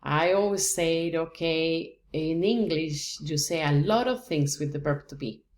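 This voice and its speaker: A low-pitched woman, speaking slowly and deliberately. She teaches patiently, building up each point with simple examples. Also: a little mellow. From Costa Rica. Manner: patient, explains step by step with examples. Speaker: Spanish teacher. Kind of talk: slow, deliberate language lesson.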